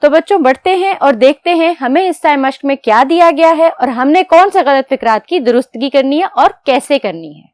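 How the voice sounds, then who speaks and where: A woman teacher giving a lesson to young students, explaining patiently step by step and asking questions that she answers herself, then dictating words slowly as she writes. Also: sits high, lively intonation, darkish tone, no room sound, studio quality. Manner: dictates slowly while writing. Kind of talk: classroom lecture to children.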